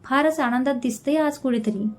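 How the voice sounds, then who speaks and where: A teasing, reassuring young roommate from a storybook reading, read by a woman. He ribs his friend in a light voice, then offers calm advice. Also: on the high side, normal speed, close to an everyday voice.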